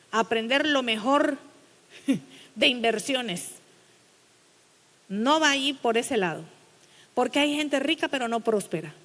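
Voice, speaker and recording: A woman's voice: high-pitched, big-room sound. A woman pastor preaching a sermon, blunt and direct, firing rhetorical questions at the congregation.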